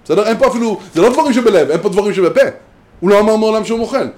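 Animated man teaching Talmudic law. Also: sits high. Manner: animated, chanting quoted texts. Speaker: Torah teacher. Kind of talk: Talmudic lecture.

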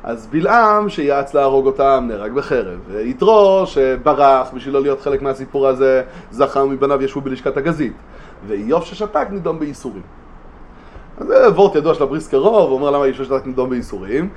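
A man giving a religious study lesson, animated, with emphatic rhetorical questions and frequent restarts. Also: mid-range voice, muffled recording. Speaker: Torah teacher.

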